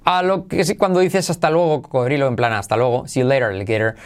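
A man teaches English pronunciation on a podcast. He is playful and repeats each word slowly for the listener to copy. His voice sits at an ordinary middle pitch. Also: sing-song. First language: Spanish. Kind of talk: podcast lesson.

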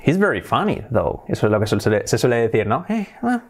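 A young man with a Spanish accent, a native Spanish speaker, gives a casual video lesson, mixing Spanish explanations with slow, repeated English examples. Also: lowish voice, sing-song, breathy edge. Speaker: English teacher.

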